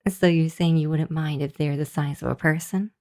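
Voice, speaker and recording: In an ASMR roleplay, a woman voices a nervous, apologetic young hellhound girl who addresses the listener cautiously, hesitating and stammering. Her voice is low-pitched and darkish, with a steady tone at normal speed.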